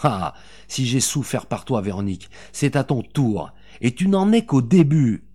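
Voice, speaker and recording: A man reading an audiobook, voicing a vengeful, hate-filled middle-aged woman with a raspy, jerky delivery. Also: mid-range voice, expressive, unhurried, dark tone. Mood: taunting.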